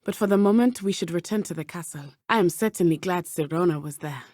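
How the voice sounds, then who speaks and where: A woman's voice: fairly low pitch, a little mellow, no room sound, studio quality, natural voice. Natsai Onai, earnest teenage witch played by a woman. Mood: earnest, concerned. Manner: precise, measured, formal diction. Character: earnest, brave teenage schoolgirl witch from Uganda. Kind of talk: video game character dialogue.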